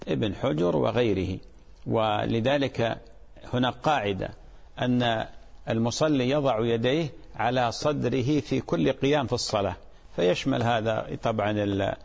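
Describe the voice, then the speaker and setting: A man as a sheikh on a call-in program, calmly explaining answers to callers' questions and checking that they are clear. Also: medium pitch, normal speed, in a large hall. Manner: calm, explanatory, repeats points and asks "clear?".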